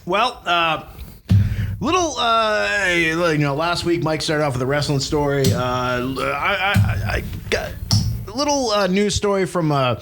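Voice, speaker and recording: A man's voice: a little high, animated, measured pace, creaky, sharp tone, soft background music. A man from Maine co-hosting a casual podcast chat, telling a story in a rambling way with lots of fillers. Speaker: co-host.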